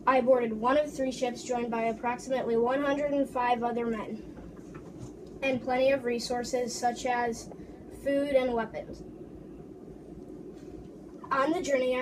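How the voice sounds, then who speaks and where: A woman playing a proud English explorer in a first-person history presentation, reciting haltingly with restarts. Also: sits high. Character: English explorer John Smith, proud man. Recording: distant mic with background noise.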